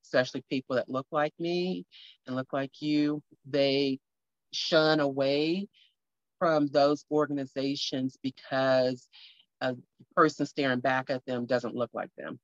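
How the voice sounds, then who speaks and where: A woman's voice: very deep voice, fairly even intonation, a little slow, no echo. A woman co-hosting a podcast, talking earnestly in a casual interview and getting emotional. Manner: earnest, grows emotional and tearful. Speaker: podcast co-host and guest. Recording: slightly muffled lo-fi audio.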